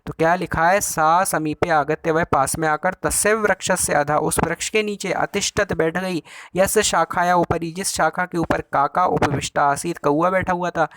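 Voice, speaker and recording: A man's voice: a little high, fairly even intonation, normal speed, few pauses, a bit bright, no room sound. A man teaching a Sanskrit story, reading each word and explaining it in plain terms. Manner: explanatory, repeats each Sanskrit word then glosses it in Hindi. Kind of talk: Sanskrit lesson, translating a story line by line.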